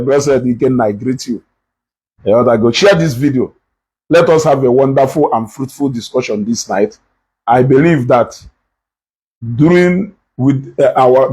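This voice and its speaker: A man's voice: a little high, darkish tone, slightly rough, rough recording. A Nigerian man with an Igbo accent hosting a live stream, lecturing his viewers and switching between English and Igbo. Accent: Nigerian, Igbo-speaking. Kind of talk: casual live-stream commentary.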